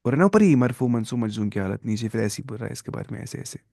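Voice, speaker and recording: A man's voice: medium pitch, lively intonation, rapid-fire, vocal fry, dark tone, no room sound. Male grammar teacher, patient, drills forms aloud, dry close sound. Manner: patient, asks rhetorical questions and answers them. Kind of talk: explaining grammar rules step by step.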